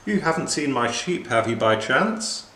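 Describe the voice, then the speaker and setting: A man's voice: mid-range voice, sing-song, normal speed, pushed and bright, echoey room, slight background noise, voice pushed up. A man voicing a gossipy young shepherdess looking for her sheep in a storybook reading.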